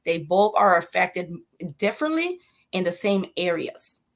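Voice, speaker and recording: Mom talking earnestly in an interview, emphatic, repeats words a lot. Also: female voice, fairly low pitch, very animated, unhurried, vocal fry. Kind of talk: interview conversation.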